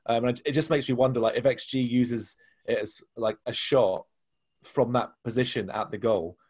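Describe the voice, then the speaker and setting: A man's voice: medium pitch, fairly even intonation, normal speed, darkish tone, slightly rough. A man discussing football casually as a podcast co-host, explaining his points analytically.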